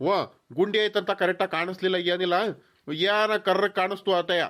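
A man's voice: sits high, level tone, brisk, a bit bright. A man voicing a cocky young village man in a cartoon, speaking in a breezy, reassuring way.

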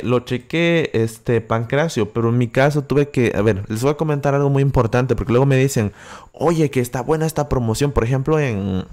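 This livestream host answering chat is a young Acapulco man whose coastal Guerrero Mexican accent comes through clearly. He sits close to the microphone, chatting casually with plenty of fillers and restarts, in a medium-pitched, slightly mellow voice.

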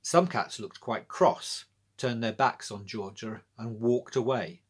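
A husky, medium-pitched voice belongs to a middle-aged British author and storyteller narrating a children's story. He speaks slowly in a small indoor room with bookshelves.

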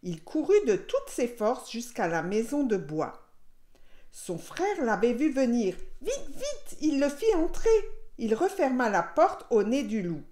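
A woman teacher reading a children's story aloud, narrating with expressive, lively storytelling. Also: fairly high pitch, measured pace.

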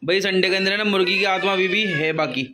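Chatty high-voiced man vlogging at home. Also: fast talker, bright, forceful tone, a little hiss or hum. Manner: chatty, joking, addresses viewers as "guys". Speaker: family vlogger. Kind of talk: casual vlog chat to camera. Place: home and rooftop.

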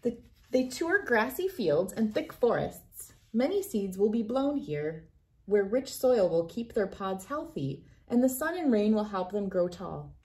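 A woman in her thirties reads a picture book aloud for children in a medium-pitched voice. Her storytelling is expressive and deliberate.

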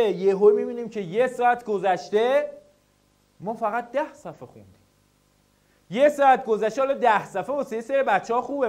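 A young male teacher gives a lesson on study habits, talking straight to his students. His voice sits very high for a man, and he keeps the delivery animated. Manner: animated, addresses students directly. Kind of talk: classroom lecture to students.

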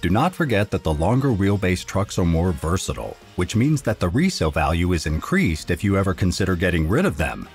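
A man reading a scripted voice-over narration in a steady, informative explainer manner. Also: deep voice, brisk, few pauses, soft background music.

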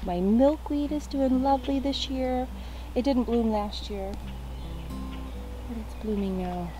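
The gardening vlogger, a young woman, has a fairly high voice and a measured pace as she walks her backyard vegetable plot and shows plants to a handheld camera. Music plays under her speech, and the recording quality is low.

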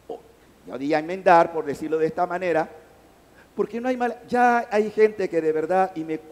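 Panamanian priest, higher-pitched man, sermon voice that swells and drops, long church reverb. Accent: Panamanian Spanish. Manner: emphatic, rising and falling loudness. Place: large church.

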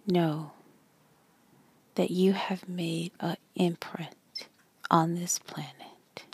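Slow whispering meditation guide, a woman. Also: fairly low pitch, fairly even intonation, vocal fry, husky. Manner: slow soft whispering, long pauses.

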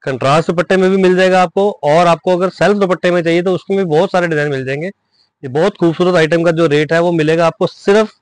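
Male seller, slightly high voice, dry close sound. Pushy, repetitive teleshopping delivery. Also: fast talker, no echo. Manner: insistent selling, repeating prices and urging orders. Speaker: wholesale ladies' suit seller presenting stock. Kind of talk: teleshopping-style product sales pitch.

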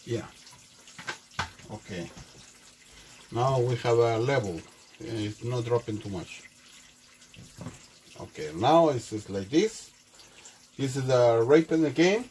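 A man's voice: mid-range voice, animated, a little mellow, low-quality recording. Man cooking in a humming kitchen. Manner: halting non-native English with many restarts. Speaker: home cook. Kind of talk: casual cooking demonstration. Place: small home kitchen, indoors. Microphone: camera mic across the kitchen. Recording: home kitchen with clear background hum.

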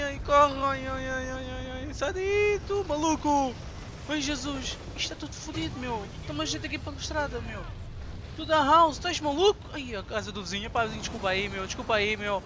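Hosting a gaming channel, a man with a European Portuguese accent and a very high voice fires off frantic, excitable exclamations and swearing as he commentates on his own gameplay, with noise in the background.

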